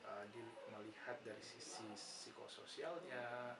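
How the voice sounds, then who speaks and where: Speaking at a measured pace in a mid-range voice with some vocal fry, an Indonesian-accented lecturer walks students through nursing psychology. He is patient, repeatedly says "ya," and answers the questions he raises. The recording sounds distant and roomy, with noise behind him.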